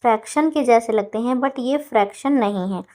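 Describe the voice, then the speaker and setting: A woman teaching a maths class, explaining step by step with rhetorical questions and slowly dictating definitions word by word. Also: on the high side, warm tone.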